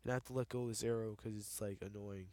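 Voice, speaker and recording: A man's voice: lowish voice, fairly even intonation, quick pace, warm tone, no room sound. A young man giving casual, rambling commentary over his game footage, often tripping over repeated words. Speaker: let's play gamer.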